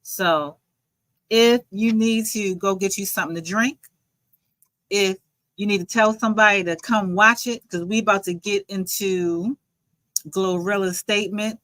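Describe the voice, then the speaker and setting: A woman's voice: mid-range voice, fairly even intonation, measured pace, fairly bright tone, no room sound, low-quality recording. A woman casually chatting on her livestream, rambling and reading viewer comments aloud as host. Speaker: livestream host and joy coach.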